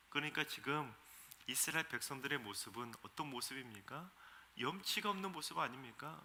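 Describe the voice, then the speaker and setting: Bright-voiced impassioned male pastor. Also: fairly high pitch. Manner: impassioned, voicing pleading prayers with swelling emphasis. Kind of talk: sermon. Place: church sanctuary.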